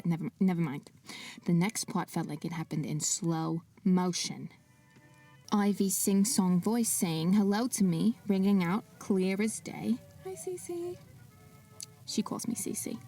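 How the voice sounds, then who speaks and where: A woman tells her mystery story with wry, sarcastic asides. Her voice is mellow and dark in tone. She sits a little back from the mic, and faint music plays underneath. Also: on the low side, recorded from a distance. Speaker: narrator and protagonist. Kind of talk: scripted drama narration.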